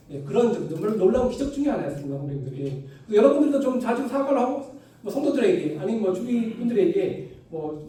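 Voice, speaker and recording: A man from North Gyeongsang giving a sermon with humorous anecdotes, animated and constantly asking the congregation for agreement. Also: high-pitched. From Yeongju, North Gyeongsang, Korea. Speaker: lay preacher. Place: church hall. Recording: echoey church hall, distant mic.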